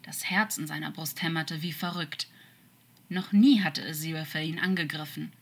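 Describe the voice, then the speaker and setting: A woman narrating a fan-fiction story as an expressive audiobook reading, sometimes dropping to soft whispers. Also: deep voice, normal speed.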